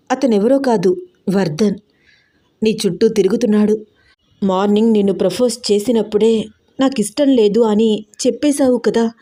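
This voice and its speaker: A woman voicing a distraught, bedridden older sister who pleads and sobs in a raised, higher voice. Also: dark tone, lightly acted. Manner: anxious, pleading, sobbing. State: crying.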